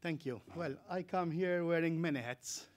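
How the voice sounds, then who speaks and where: A middle-aged man giving a relaxed, self-deprecating speech as a visiting academic. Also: a little high, normal speed, slight background noise. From Malta. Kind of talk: speech at a launch event.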